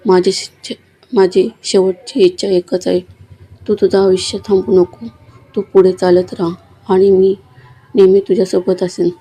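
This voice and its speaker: A woman reading a gentle, loving elderly father's lines in a storybook tale, in a tender voice. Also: mid-range voice, flat delivery, a little slow, faint music behind, lightly acted.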